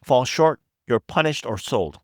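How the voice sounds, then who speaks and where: A man hosting a podcast, giving scripted investigative narration in a measured, reflective way with deliberate emphasis. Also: medium pitch, expressive, darkish tone, no echo. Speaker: podcast host.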